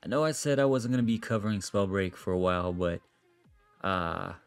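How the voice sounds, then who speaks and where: Brief: male gaming creator, stuffy nasal voice from a cold, lowish pitch, dry close voice-over. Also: fast talker, clear, resonant tone, no room sound, soft background music. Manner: relaxed, chatty explaining. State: sick with a nasal voice. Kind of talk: casual gameplay commentary voice-over. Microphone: voice-over recorded apart from the footage.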